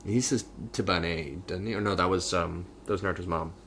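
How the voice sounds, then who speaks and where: A man's voice: low voice, fairly even intonation, fast talker, fairly bright tone, a little hiss or hum. A young man casually joking and riffing while commenting on gameplay with a friend. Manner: jokey, riffing banter. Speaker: let's play co-host.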